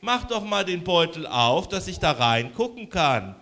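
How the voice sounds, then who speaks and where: A man's voice: high-pitched, very animated, unhurried, sharp tone, full character voice. A man doing a sulky young hopping critter. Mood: accusing. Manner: indignant, sulky child-like pleading.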